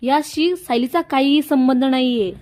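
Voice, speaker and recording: A woman's voice: sits high, moderate pace, a little mellow, lightly acted. A woman voicing a young husband who firmly confronts a woman he says is lying. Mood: stern.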